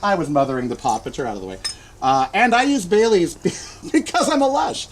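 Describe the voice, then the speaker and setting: An older male host with a campy, joking way of chatting. His pitch swings widely and lively as he teases his guests. The talk is casual and unscripted. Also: fairly quick, a little hiss or hum, rough recording. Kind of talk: casual talk show chat.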